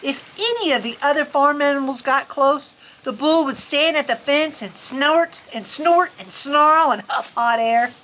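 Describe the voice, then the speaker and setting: Reading aloud to children outdoors on a cold farm, a woman uses a high, sharp voice, moving a little slowly with hardly any pauses. Her folksy, playful delivery shifts between narration and casual chat, with faint ambient noise in a rough recording.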